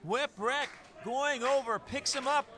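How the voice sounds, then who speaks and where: A man calling live play-by-play as a wrestling commentator, with excitable, exclamatory delivery. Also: extremely high pitch, measured pace, noisy background. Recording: loud event crowd and music behind. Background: crowd and music.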